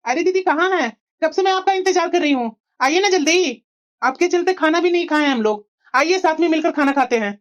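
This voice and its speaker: A woman's voice: very high-pitched, expressive, fairly quick, lo-fi sound. Woman voicing a sing-song cartoon sister-in-law. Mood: inviting. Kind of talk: cartoon family drama dub.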